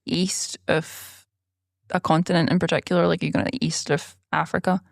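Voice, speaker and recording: A woman co-hosting a comedy morning show, reading out quiz questions with playful deadpan asides. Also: deep voice, fairly quick, gravelly, no room sound, studio quality.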